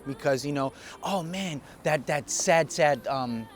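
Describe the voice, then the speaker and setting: A man's voice: on the high side, slow pace, slight background noise. A man co-hosting a casual chat, speaking in a laid-back, slangy, rambling way. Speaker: podcast co-host.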